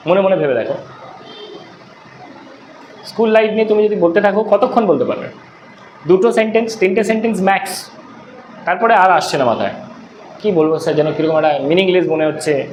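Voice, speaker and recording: A man teaching an English class as tutor, talking conversationally and often checking that students follow. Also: high voice. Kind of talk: classroom lecture. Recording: roomy echo, faint room noise.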